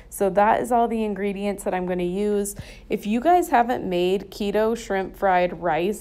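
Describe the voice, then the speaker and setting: A woman talks through her home cooking in a relaxed voice-over. She is chatty and enthusiastic, with folksy asides and a middle-pitched voice. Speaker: cooking vlogger. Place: home kitchen.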